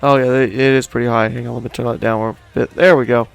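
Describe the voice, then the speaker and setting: A man's voice: medium pitch, little pitch movement, quick pace, creaky, smooth, soft background music. A man hosting and commentating a live online wrestling show, hyping upcoming events to the folks watching and chatting with his co-host. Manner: hype announcer tone, addresses folks, chatty with co-host.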